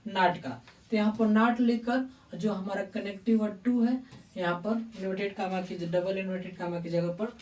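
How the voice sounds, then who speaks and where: A woman's voice: mid-range voice, fairly even intonation, normal speed, a little mellow. A woman teaching a grammar lesson, asking the class questions, answering them herself and checking in often. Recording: echoey room, voice from far off the mic.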